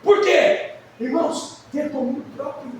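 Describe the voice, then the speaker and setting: A middle-aged man preaches with a strikingly high voice, swinging from shouts to hushed asides as he tells a family story. His voice rings through a very echoey church hall, picked up from some distance. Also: unhurried, background noise. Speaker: pastor. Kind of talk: sermon. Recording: echoey church sound from far off.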